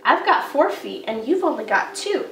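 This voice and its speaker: A haughty, boastful tiger brags in a children's storybook, as a woman reads him aloud. The voice sits high for the character and the room echoes. The mic is set well back, with faint music underneath. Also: big pitch swings, normal speed, fairly bright tone, distant mic, full character voice. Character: boastful, vain male tiger.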